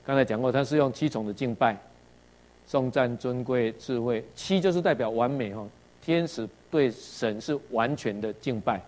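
Male preacher, Taiwanese Mandarin accent, teaching sermon style, rhetorical questions, animated quoted dialogue. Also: mid-range voice, moderate pace. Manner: tags sentences with "ha" and asks the audience questions; acts out quoted dialogue in varied voices.

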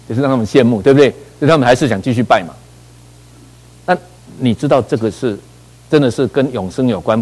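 A middle-aged man preaches from the pulpit. His voice sits at an everyday middle pitch. He tells his stories with animation and keeps turning to his listeners with rhetorical questions. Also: darkish tone, slightly rough, rough recording. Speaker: pastor. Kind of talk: sermon.

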